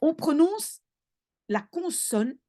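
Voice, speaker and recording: A woman language teacher patiently explaining spelling rules, often pausing to check that her students follow. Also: high-pitched, sing-song, dark tone.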